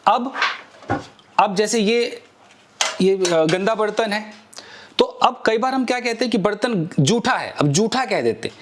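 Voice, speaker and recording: A man teaching English phrases during a demonstration lesson, explaining in quick speech and then saying the English sentences slowly and deliberately. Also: high-pitched, lively intonation, noisy background. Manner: slow, drawn-out English model sentences between brisk Hindi explanation.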